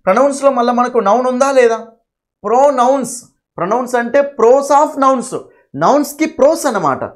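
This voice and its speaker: A man with a Telugu accent teaching English grammar in a classroom lecture, asking his students questions and then answering them himself, with a lot of repetition. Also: a little high.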